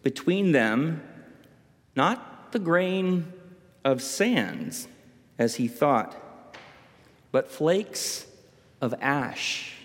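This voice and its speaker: A male preacher tells a story slowly, pausing for dramatic effect. His voice is fairly high, and a long reverb fills a large hall around him. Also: lively intonation. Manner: slow, dramatic pauses. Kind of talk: sermon storytelling.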